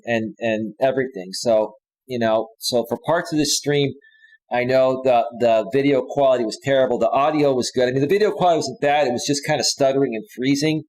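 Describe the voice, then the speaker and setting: A man's voice: mid-range voice, low-quality recording. A man in his forties hosting his own live stream, talking casually and rambling with frequent restarts. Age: 40s.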